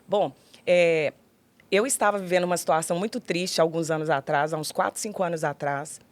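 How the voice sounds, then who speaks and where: Woman, middle-aged, Brazilian accent, podcast host, animated storytelling, slightly low voice. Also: fairly quick. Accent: Brazilian Portuguese. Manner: animated, acts out quoted dialogue. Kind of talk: emotional personal storytelling.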